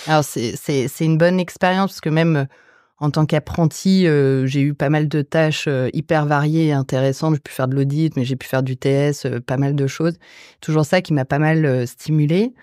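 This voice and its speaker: A woman in her forties from the Paris region, a guest in a podcast interview, answering hesitantly with many filler pauses. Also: low voice, steady tone, mellow, no echo, clean studio sound. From Paris region, France. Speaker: guest investor.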